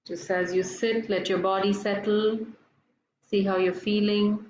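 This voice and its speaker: Female yoga instructor, soft soothing unhurried delivery, guided breathing; roomy, slightly muffled recording. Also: mid-range voice, fairly even intonation. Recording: echoey room, dull lo-fi, faint noise.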